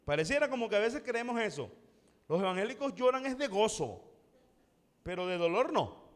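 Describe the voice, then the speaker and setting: A man with a very high voice preaches with passion in a church, drawing out each scripture quote slowly. His words ring through a hall with a long echo. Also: big pitch swings. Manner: impassioned, slows down for scripture quotes. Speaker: pastor. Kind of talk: sermon. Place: church sanctuary.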